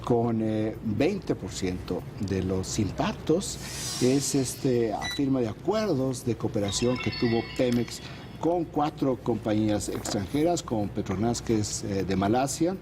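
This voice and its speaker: A man who regularly appears on a political panel show presents a news roundup, measured and explanatory, with frequent hesitations. His mid-range voice is expressive, and the background is noisy.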